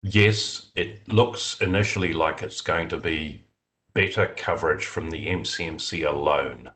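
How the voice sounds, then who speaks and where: Low voice, man, video meeting, technical, explanatory, measured. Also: fairly bright tone, poor audio. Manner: measured, explanatory, with frequent fillers. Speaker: software developer answering committee questions.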